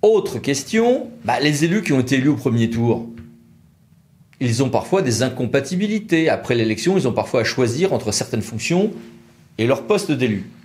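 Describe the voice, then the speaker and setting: A law firm's video presenter with a French accent sounds very animated, speaking at normal speed in a medium-pitched, darkish voice. His explainer is casual and didactic, framing legal questions and answering them in colloquial terms.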